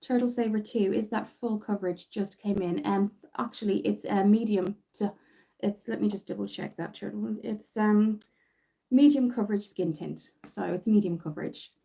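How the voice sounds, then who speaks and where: Irish woman, casual home makeup livestream, warm, rambling, chatty. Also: medium pitch, moderate pace, gravelly, low-quality recording. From Ireland. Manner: chatty, rambling, many fillers and restarts. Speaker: makeup vlogger. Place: bedroom at home.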